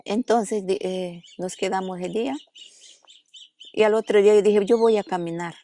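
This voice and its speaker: A woman pastor from the Amazon jungle shares her testimony in an interview, narrating the story and performing the quoted dialogue. Her mid-range voice is mellow and steady at a normal speed. The recording was made at a family house in a jungle village.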